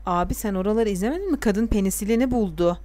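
A woman's voice: medium pitch, fast talker, warm tone, dry recording. A young woman in casual, opinionated chat about a TV series, talking at length and sometimes drawing her words out.

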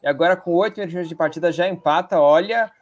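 A man's voice: on the high side, steady tone, very fast. A man with a Brazilian accent giving casual, chatty live football analysis as co-commentator, often adding agreeing tag questions. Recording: faint background noise.

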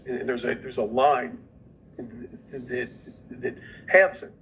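A man's voice: mid-range voice, fairly even intonation, takes it slowly, gravelly, fairly bright tone, slight background noise, rough recording. A man who is a podcast guest, earnestly explaining an idea and often repeating words as he goes.

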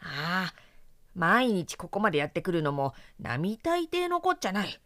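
A small, cheeky male mouse, voiced by a woman narrator, whines in a high, petulant voice. He is ungrateful and condescending, his pitch leaping about. The sound is dry and close. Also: lively intonation, quick pace, fairly bright tone, dry recording. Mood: grumbling. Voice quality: high whiny voice.

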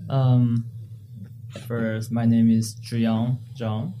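Slow, very dark-toned Korean-accented young man. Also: medium pitch, little pitch movement, slight background noise. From South Korea. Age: young adult. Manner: halting, searching for words. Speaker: international student guest. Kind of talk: casual group interview. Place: professor's office, at a table.

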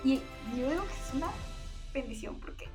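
A woman's voice: high voice, normal speed, faint music behind. A young woman with a Mexican accent, chatting casually and telling emotional stories full of slang. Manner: emotional, animated storytelling with slang. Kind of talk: casual chat.

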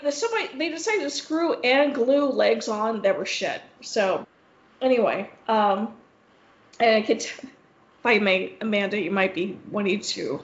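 A woman co-hosting a podcast, telling a rambling, profane story full of fillers. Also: medium pitch. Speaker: podcast co-host. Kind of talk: casual chat. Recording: echoey room, dull lo-fi sound.

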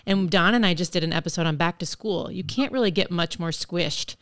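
Lower-voiced woman podcast co-host. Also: a little fast, fairly bright tone, no room sound, clean studio sound. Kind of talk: conversational interview.

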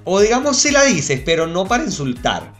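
Venezuelan guy cracking jokes and cursing, bit high voice, faint music behind. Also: big pitch swings, moderate pace. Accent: Venezuelan Spanish. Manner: joking, swears freely, tells anecdotes. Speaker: podcast co-host. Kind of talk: casual chat. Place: living in Chile.

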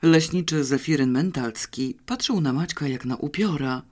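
Calm wry audiobook narration, even and steady. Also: medium pitch, moderate pace. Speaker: audiobook reader. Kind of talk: scripted narration.

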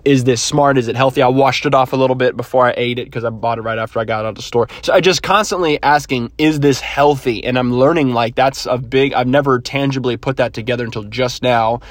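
A man thinking aloud in a rambling, self-correcting way on a quick solo podcast. His voice sits in a middle register and sounds a little stuffy. It is recorded close and dry inside a car. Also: medium pitch, steady tone, dry recording. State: slightly stuffy after illness. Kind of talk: casual solo monologue. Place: car, while driving.

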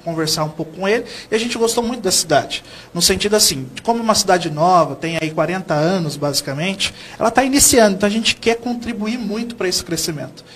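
Fast and with few pauses, a man from São Paulo state, Brazil, speaks in a high, fairly bright voice, with slight background noise in the recording. Appearing as a guest educator in a TV interview, he explains earnestly and often answers his own questions.

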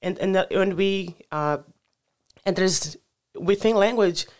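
This interview guest from Brazil, a native Portuguese speaker, has a smooth, high-pitched voice. His casual answers come out haltingly, full of fillers as he gropes for words.

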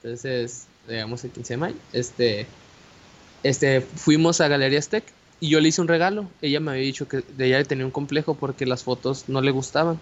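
A young man with a Mexican Spanish accent telling a personal story in casual chat, animated and slangy, with many fillers and restarts. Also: mid-range voice, brisk. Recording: dull lo-fi audio with faint hiss.

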